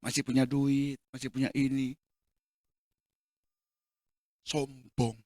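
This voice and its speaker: A man with a Jakarta accent preaching a sermon, a dramatic, joking storyteller who bursts into shouts. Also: medium pitch, little pitch movement, takes it slowly, no room sound, clean studio sound. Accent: Jakarta Indonesian. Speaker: pastor. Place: church.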